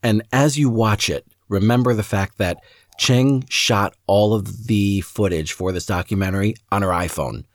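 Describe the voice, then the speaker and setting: A podcast host with a lowish voice speaks at a moderate pace, addressing his listeners warmly and appreciatively in an introduction that sounds scripted. The studio sound is clean, with no echo.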